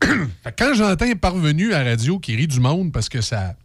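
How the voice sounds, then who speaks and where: A man's voice: fairly high pitch, normal speed, husky, no room sound, clean studio sound. A middle-aged man with a Québécois French accent, hosting a radio show with joking, opinionated commentary. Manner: animated, joking, slips into mock English voices. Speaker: radio host.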